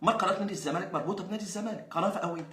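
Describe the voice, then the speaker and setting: A man's voice: high-pitched, racing, fairly bright tone. A young Egyptian man, a football fan, ranting in exasperation and sarcasm, sometimes laughing. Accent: Egyptian Arabic. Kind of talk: angry ranting monologue. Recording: roomy echo.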